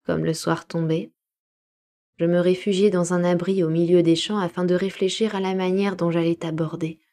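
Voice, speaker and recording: A woman narrating a classic novel as a home-made live audiobook, measured and expressive. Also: lowish voice. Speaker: audiobook reader.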